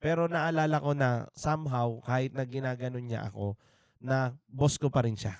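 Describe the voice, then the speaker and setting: A Filipino man in his thirties, co-hosting a podcast, candidly recounts his faith in a mix of Tagalog and English. He speaks at a normal speed in a smooth, medium-pitched voice with fairly even intonation, earnest and reflective, often restarting and filling pauses. The indoor studio recording is studio quality with no room sound.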